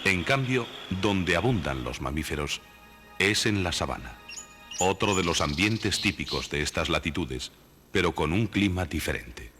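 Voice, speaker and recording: A man reading scripted nature documentary narration in a measured, didactic way. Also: low-pitched, animated. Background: background music.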